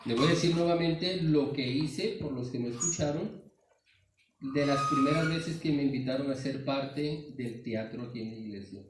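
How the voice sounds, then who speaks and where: A man's voice: medium pitch, normal speed, far from the mic, heavy background noise. A man with a northern Mexican accent preaching a sermon in a church, earnest and constantly calling his listeners "hermano.". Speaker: pastor. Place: large church sanctuary. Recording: very echoey hall, voice from afar.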